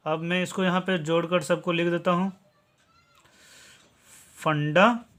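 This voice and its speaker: Guy with a high voice teaching a class, spells stuff out slow, keeps repeating himself. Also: level tone, fairly bright tone. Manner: repeats each point and ends phrases with a checking "theek hai"; slowly spells out words letter by letter. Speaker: English teacher. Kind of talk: classroom-style spoken lesson.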